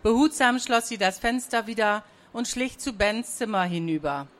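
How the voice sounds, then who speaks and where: A woman narrating a children's story in a calm, even, scripted reading. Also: a little high, moderate pace.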